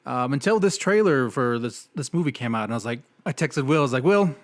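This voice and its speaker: A young man hosts a casual movie review podcast at an easy, relaxed pace. His voice is mid-pitched and ordinary, and his talk is loose and self-deprecating, full of fillers and quick laughs. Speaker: podcast host.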